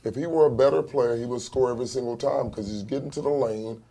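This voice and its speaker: Gravelly husky man telling coaching stories. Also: mid-range voice, fast, warm tone. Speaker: youth basketball coach. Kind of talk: casual chat.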